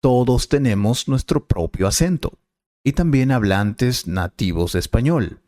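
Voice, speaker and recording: A man as a Spanish teacher, explaining clearly and patiently in a scripted lesson dialogue. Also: mid-range voice, lively intonation, measured pace, dark tone, dry recording, studio quality.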